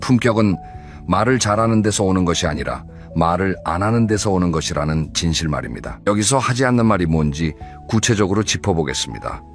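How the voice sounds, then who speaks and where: A man narrating a scripted advice talk for older listeners in a calm, measured way that speaks directly to the listener. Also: low-pitched, soft background music.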